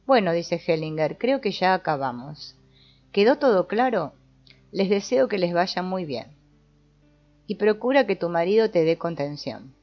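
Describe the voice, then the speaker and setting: A woman giving a calm, measured scripted narration. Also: fairly low pitch. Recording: dull lo-fi voice-over with soft guitar music.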